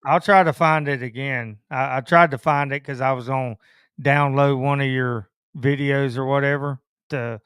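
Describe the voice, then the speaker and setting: A man's voice: medium pitch, steady tone, moderate pace, fairly bright tone, clear, resonant tone, no echo, clean studio sound. A man hosting a podcast with a Southern country accent, talking in a laid-back, rambling way with many fillers. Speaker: podcast host. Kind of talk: casual chat.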